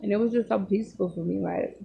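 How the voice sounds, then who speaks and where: A woman in her thirties telling casual stories while she eats, talking with her mouth full and pausing to chew, recorded on a phone in a room at home. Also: mid-range voice, vocal fry, mellow, slightly rough, rough recording. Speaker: vlogger. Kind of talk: casual storytelling while eating. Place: small home room, indoors. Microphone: phone at arm's length.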